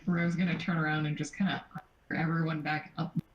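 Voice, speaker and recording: A woman's voice: deep voice, little pitch movement, fast talker, lo-fi sound. A woman playing a tabletop game who dryly narrates what her character does. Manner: dry, describes her character's actions. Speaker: player. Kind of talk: casual tabletop play. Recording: roomy sound with faint noise.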